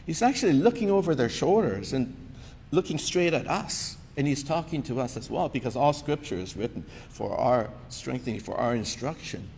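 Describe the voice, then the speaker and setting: An earnest male preacher speaks conversationally and asks his listeners rhetorical questions. His voice is gravelly, and his pitch rises and falls freely. It carries a long hall reverb over a faint low rumble. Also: expressive, moderate pace, a little mellow. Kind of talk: sermon.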